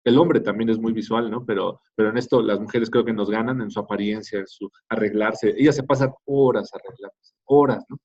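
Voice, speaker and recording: A man's voice: fairly low pitch, fairly even intonation, fairly quick, few pauses, a little mellow. A man giving a classroom lecture in a conversational way, often asking "¿no?" to check in with students. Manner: conversational, tags many phrases with "¿no?". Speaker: teacher. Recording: dull lo-fi classroom recording.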